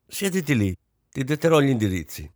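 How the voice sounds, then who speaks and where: A man reading an audiobook, voicing a fussy, social-climbing middle-aged wife who is shrill, bossy and fretful. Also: big pitch swings, brisk, darkish tone, no echo, clean studio sound, natural voice. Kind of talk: audiobook character voice.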